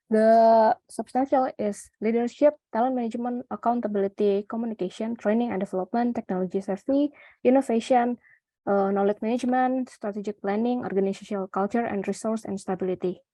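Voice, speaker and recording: A woman's voice: medium pitch, mellow, no echo. A young woman from Indonesia with an Indonesian accent, presenting her research paper at a conference, with many fillers and restarts. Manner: halting, with frequent fillers and restarts.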